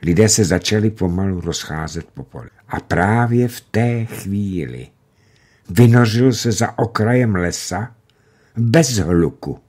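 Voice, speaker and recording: A man reads a war novel aloud for radio, measured and dramatic, slowing at tense moments. His voice is deep and husky, with a slightly rough edge. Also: lively intonation, darkish tone. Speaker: narrator. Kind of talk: scripted narration of a novel.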